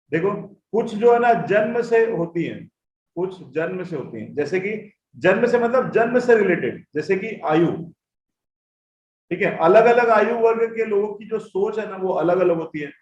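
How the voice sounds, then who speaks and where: High-voiced male teacher in an echoey room. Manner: explains and repeats points, checks understanding. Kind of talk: online class lecture. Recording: echoey room, dull audio, faint noise.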